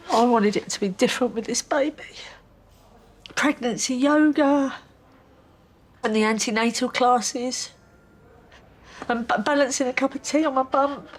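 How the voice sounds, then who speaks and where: An actress playing a frightened, tearful pregnant woman held for murder, pleading and anxious. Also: high-pitched. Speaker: murder suspect in custody.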